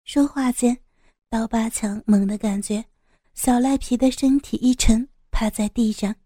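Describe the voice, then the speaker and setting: A woman narrating a gritty action story in a steady, vivid, suspenseful reading style. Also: on the high side, measured pace, no echo, clean studio sound. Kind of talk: dramatic audiobook narration.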